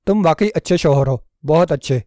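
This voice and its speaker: A naive young wife who panics and pleads anxiously, as a man reads her lines. The voice is a touch high yet mellow and dark. The recording is close and completely dry. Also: dry recording, natural voice. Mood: panicked. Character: flustered naive young wife, easily frightened.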